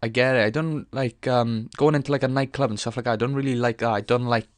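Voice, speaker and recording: A man's voice: medium pitch, steady tone, quick pace, dry recording. A young man hosting a casual solo podcast, rambling frankly with lots of swearing, fillers and restarts as he thinks aloud. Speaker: podcast host.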